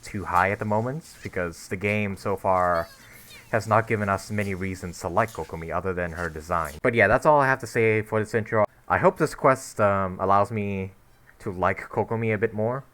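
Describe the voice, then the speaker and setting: A young man casually commentates over a game he's playing in let's-play style, rambling with lots of fillers and snarky asides. His voice is lowish and a bit bright, at normal speed.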